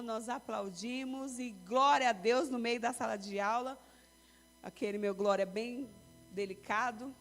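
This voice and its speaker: A woman giving a testimony in a church service, telling her story in a lively way and acting out the voices of the people she quotes. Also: fairly high pitch. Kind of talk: sermon testimony. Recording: long reverb with faint music.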